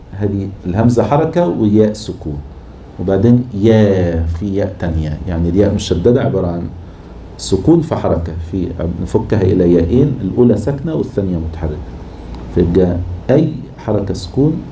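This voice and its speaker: A man with an Egyptian accent teaching Arabic prosody, scanning verse with slow, drawn-out chanting. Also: low voice, expressive, dark tone, slight background noise. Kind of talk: classroom lecture scanning verse.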